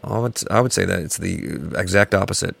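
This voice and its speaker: Man, gravelly, lowish voice, rambling deadpan comedy banter. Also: a little fast, dry recording. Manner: rambling deadpan absurd bits, many restarts.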